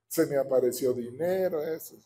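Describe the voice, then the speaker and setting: A man with a Mexican accent preaching a sermon as a pastor, animated and often asking the congregation for agreement. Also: mid-range voice, normal speed. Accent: Mexican Spanish.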